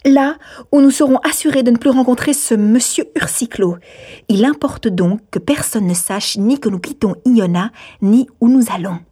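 A woman's voice: fairly high pitch, moderate pace, mellow, husky, pitched above the performer's own voice. A woman reading aloud, voicing a proud and determined young lady who speaks curtly and in command. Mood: imperious. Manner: curt and commanding.

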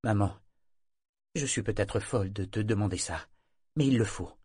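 A man reading the part of a headstrong young woman sailor who talks low and rough, with urgent insistence. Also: normal speed, a little mellow, dry recording, clean studio sound.

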